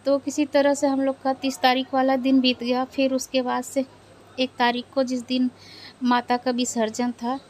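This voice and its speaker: A young woman vlogger, quietly and sadly recounting a family loss with hesitant pauses. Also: high-pitched, completely flat delivery, slight background noise. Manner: sad, subdued, hesitant retelling of a family loss. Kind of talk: personal vlog storytelling.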